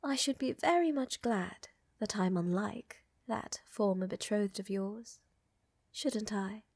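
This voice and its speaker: In a slow, medium-pitched, breathy murmur, a woman plays a doting aristocratic vampire countess for an intimate ASMR audio roleplay. Her phrasing is elegant, teasing and soothing, her mood tender and flirtatious, and the recording is dry.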